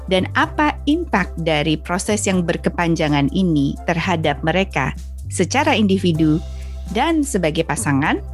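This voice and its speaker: Female podcast host, lower voice, measured scripted intro. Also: big pitch swings, soft background music.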